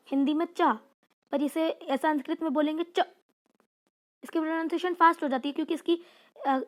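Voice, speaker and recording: High-pitched lady teacher, slow and careful, spells out words one by one then explains. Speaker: Sanskrit teacher. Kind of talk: classroom lesson explaining exercises.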